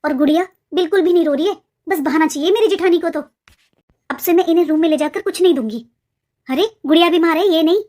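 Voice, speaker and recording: A sulky young cartoon wife who grumbles and snaps at everyone in the house. The voice sits extremely high and sharp, the way a household cartoon squabble is pitched. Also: female voice, quick pace. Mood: grumbling. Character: nagging younger sister-in-law, resentful, complaining young wife. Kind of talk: cartoon voice acting.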